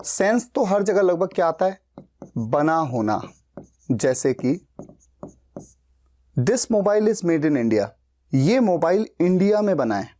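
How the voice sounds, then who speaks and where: A man teaching spoken English, reading example sentences slowly and explaining them step by step. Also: sits high, warm tone. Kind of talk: bilingual language lesson.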